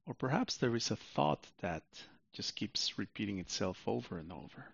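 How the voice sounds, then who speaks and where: A man narrating a guided sleep meditation like a sleep story, soothing and unhurried, with long pauses, on a muffled recording. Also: on the low side, expressive, vocal fry, slightly rough, dry recording.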